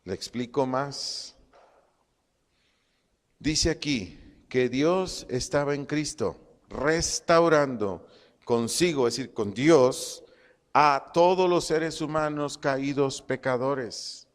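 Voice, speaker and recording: A man preaching a sermon to his congregation, slow and emphatic, repeating his phrases and dictating punctuation as he teaches. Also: medium pitch, in a large hall. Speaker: pastor. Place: church congregation hall.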